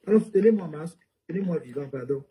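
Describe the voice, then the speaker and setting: A man's voice: a little high, animated, quick pace, mellow, breathy edge, poor audio. A man hosting a casual live stream, repeating himself as he asks viewers to support him.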